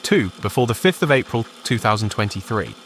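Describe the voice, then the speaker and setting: A man narrating a documentary podcast in a measured, scripted delivery. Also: lowish voice, very animated, a little hiss or hum. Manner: measured and clear.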